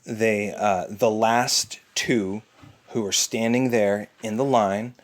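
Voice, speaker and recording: A man telling his child an improvised bedtime story in a dark bedroom, chatty and relaxed with playful asides. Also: on the low side, slow. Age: adult.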